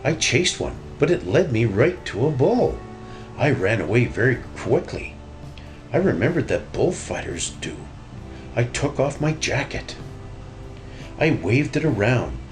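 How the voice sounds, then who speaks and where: Man reading as cheerful cartoon mouse, animated pitch. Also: unhurried, over music. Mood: reminiscing. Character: friendly, cheerful male cartoon mouse storyteller. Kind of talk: storybook character reading.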